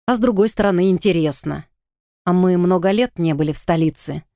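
A woman reading the part of a gruff male warrior leader who barks orders. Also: fairly low pitch, brisk, dark tone, no echo, studio quality, natural voice. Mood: thoughtful. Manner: barking orders.

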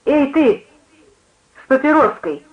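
A reader playing a shrill fervent street preacher. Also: animated, unhurried. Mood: shrill exalted. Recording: muffled lo-fi recording.

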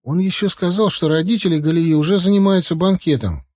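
A man's voice: sits high, brisk, a little mellow, pitched above the performer's own voice. A man putting on a dazed middle-aged wife. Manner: distracted, recalling.

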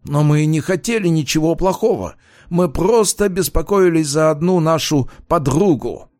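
A man voicing a flustered young male student, pleading in a high, raised voice. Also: lively intonation, normal speed, a little mellow, natural voice.

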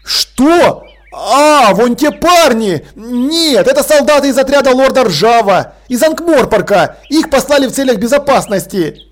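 A man voicing an excitable young male newspaperman who fires off eager, pleading questions. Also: very high-pitched, voice pushed up. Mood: excited. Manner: breathless, pleading, rapid-fire questions.

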